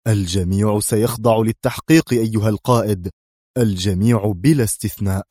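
A man's voice: lowish voice, steady tone, a little fast, warm tone, no room sound, clean studio sound, lightly acted. A man voicing a severe, commanding defense secretary. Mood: stern. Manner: curt and severe.

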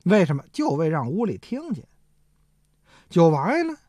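A woman telling a traditional story in a lively, rhythmic way. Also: lowish voice, moderate pace, no echo, clean studio sound.

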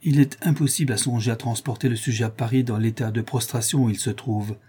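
A man's voice: mid-range voice, steady tone, fast, warm tone, husky. A man voicing a cold, clinical, stoic male doctor who speaks in a dry, detached, matter-of-fact way.

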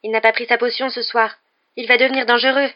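An anxious, clever teenage girl speaks in a hushed, raised voice, as an audiobook reader puts her on. Her worry shows in every line. The sound is a little dull. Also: medium pitch, little pitch movement, fast talker, dry recording, pitched above the performer's own voice, lightly acted. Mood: worried. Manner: hushed and worried. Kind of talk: audiobook character voice.

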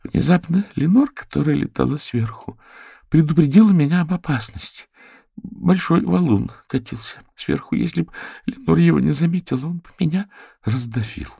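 Man doing a hurt vixen, weak strained voice, raised pitch, husky, audiobook. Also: expressive, normal speed, warm tone, dry recording, clean studio sound, heavily acted. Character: injured stubborn young female fox.

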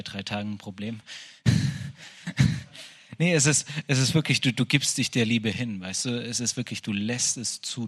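Husky-voiced man preaching informally. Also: fairly low pitch, a bit bright. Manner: conversational, repeats "weißt du", restarts often. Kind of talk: informal sermon.

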